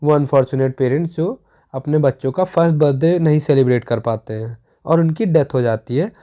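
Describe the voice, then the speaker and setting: A teacher giving a step-by-step exam revision lesson. The teacher often pauses to check that students follow. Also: mid-range voice, mellow. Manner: explains step by step with many checks for understanding.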